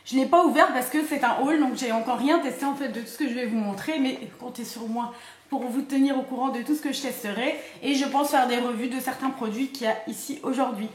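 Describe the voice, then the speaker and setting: A woman's voice: high-pitched, fast talker. A young woman chatting casually to camera about her beauty purchases, rambling and laughing at herself with lots of fillers. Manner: chatty, rambling, self-mocking with frequent fillers. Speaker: beauty vlogger. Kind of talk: casual haul chat to camera. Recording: echoey room.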